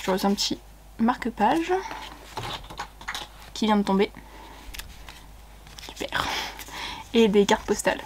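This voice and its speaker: A young woman chatting casually as she unboxes books, excitable and giggly, with many fillers. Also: mid-range voice, a little slow, long pauses, slight background noise. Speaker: book vlogger.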